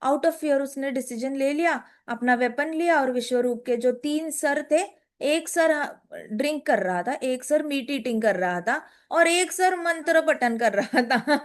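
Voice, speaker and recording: Brief: woman, high pitch, playful religious storyteller mixing in english. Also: a little slow. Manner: lively, playful, mixes in English phrases. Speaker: storyteller of scripture.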